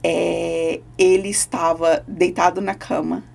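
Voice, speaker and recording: A woman's voice: on the low side, level tone, slow, gravelly, a little mellow. A woman, a podcast guest giving an earnest, emotional personal testimony.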